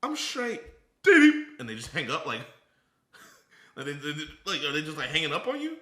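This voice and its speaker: Streamer, male: high animated voice, bright, loose slangy reactions. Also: normal speed. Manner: joking, stammering, slangy. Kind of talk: casual reaction commentary. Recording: roomy echo.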